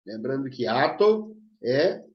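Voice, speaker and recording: A man's voice: mid-range voice, big pitch swings, slow pace. A man with a Brazilian Portuguese accent teaching a grammar lesson in an explanatory way, often checking in with his listeners. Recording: roomy, dull lo-fi sound.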